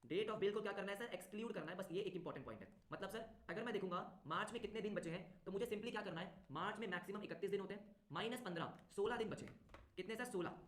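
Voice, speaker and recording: A male tutor teaching an online class, talking briskly, repeating phrases and urging students to answer quickly. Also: sits high. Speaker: commerce exam tutor. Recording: roomy echo.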